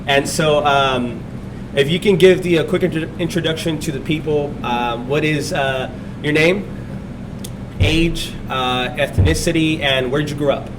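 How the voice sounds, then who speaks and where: A man hosting a casual interview podcast in a restaurant, speaking in a relaxed way with many fillers and restarts. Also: a little high, unhurried, far from the mic, noisy background. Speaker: podcast host. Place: restaurant dining room.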